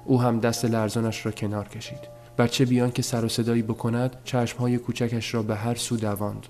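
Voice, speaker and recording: A man narrating a story as an audiobook, in a measured, subdued telling. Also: mid-range voice, little pitch movement, a little mellow, faint music behind.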